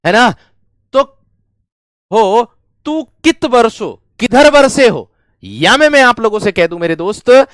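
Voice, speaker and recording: A man's voice: medium pitch, a bit bright, smooth, dry recording, clean studio sound. A man teaching a grammar lesson to students, repeating each phrase again and again and calling them his friends and brave ones. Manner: repetitive, drills each phrase over and over. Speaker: Hindi teacher.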